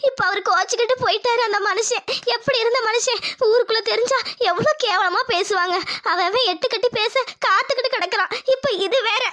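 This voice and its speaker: A firm, caring village mother-in-law in a cartoon family drama, acted by a woman. The voice sits very high and chipmunk-bright. It rattles off dramatic scolding lines at a hurried clip. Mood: grieving.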